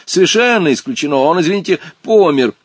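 A man's voice: fairly high pitch, animated, fairly quick, husky, dry recording, voice pushed up. A man voicing a cool, ironic schoolboy in an audiobook, correcting others matter-of-factly. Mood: calm. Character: bold cheeky schoolboy, calm and know-it-all.

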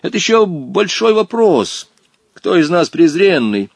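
A man playing a calm, cheeky schoolboy. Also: high voice, a little slow, vocal fry, husky, no room sound, pitched above the performer's own voice, full character voice. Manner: cool, ironic, matter-of-fact. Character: bold cheeky schoolboy, calm and know-it-all.

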